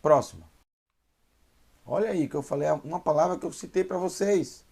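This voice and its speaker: A man leads a Hebrew reading lesson, patiently sounding out each syllable and drilling words by repetition. His voice is gravelly and a little husky, pitched slightly high for a man, and he talks at a slow, unhurried pace. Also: a little mellow. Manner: patient, repeats syllables slowly and drills pronunciation. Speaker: Hebrew teacher. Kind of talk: online language lesson.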